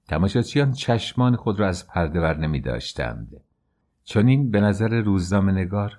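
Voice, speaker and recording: A man narrating a classic novel as an audiobook, reading in a measured, even way. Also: deep voice.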